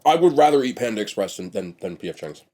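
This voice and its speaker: This young man talks fast and very animatedly in a lowish, slightly mellow voice while reviewing food on camera for his vlog. Congestion makes him sound nasal and sniffly, and his casual mukbang chatter is blunt, often trailing off before he restarts.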